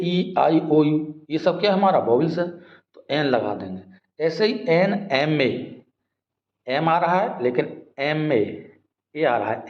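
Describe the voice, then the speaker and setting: A man gives a grammar lesson at a slow, deliberate pace, repeating key words. His voice sits a little high for a man. It comes through a dull, lo-fi recording in an echoey room. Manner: explains step by step, often asks questions back and repeats words. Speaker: English grammar teacher. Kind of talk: classroom-style grammar lesson.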